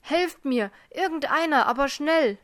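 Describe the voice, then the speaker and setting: A woman voicing an ordinary man in a panic over his dirty house, shouting and agitated. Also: high voice, a little slow, dry recording, pitched above the performer's own voice. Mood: frantic shouting.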